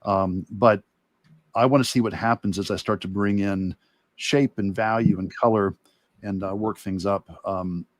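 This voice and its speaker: With a fairly low, steady voice and a slightly slow pace, a man speaks on a dry recording. He gives a casual instructional demonstration as an illustrator, his commentary coming in loose, broken asides.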